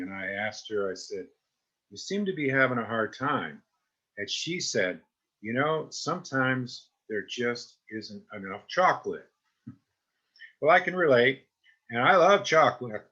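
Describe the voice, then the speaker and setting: Bright, husky-voiced male mindfulness teacher. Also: medium pitch, muffled recording. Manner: gentle, conversational, checks in with "right?" and "okay?". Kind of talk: guided self-help talk.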